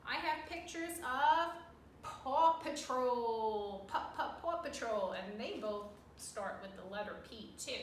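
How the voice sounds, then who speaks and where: A woman's voice: on the high side, fairly bright tone. A woman preschool teacher giving a virtual lesson to small children, sing-song and encouraging, asking questions and sounding out words. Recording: roomy, distant mic, faint noise.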